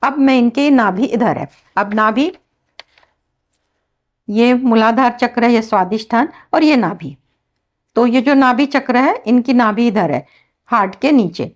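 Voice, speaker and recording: A woman demonstrating and explaining a healing ritual step by step, in a slow, instructive manner. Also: on the high side, lively intonation. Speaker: healing teacher.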